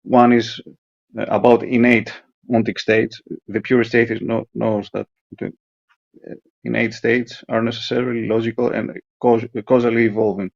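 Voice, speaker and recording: Male voicemail caller, gravelly and husky, halting lecture delivered to an answering machine over a dull lo-fi line. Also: mid-range voice, level tone, no echo. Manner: halting, lecturing, frequent restarts and stumbles. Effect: answering machine voicemail message. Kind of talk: recorded voicemail monologue.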